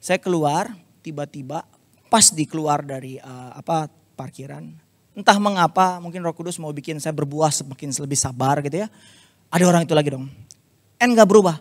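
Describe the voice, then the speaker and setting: A man preaching a lively, confessional story-sermon, dropping English phrases in. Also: on the high side, brisk, dry recording. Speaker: youth preacher.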